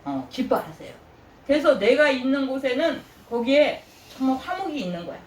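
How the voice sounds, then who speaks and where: Here a woman pastor speaks at a moderate pace in an echoey church sanctuary, picked up by a distant mic with a faint hiss or hum. Animated throughout, she keeps asking the congregation questions, nudging them with "예?", and mimics God's praise in a high voice.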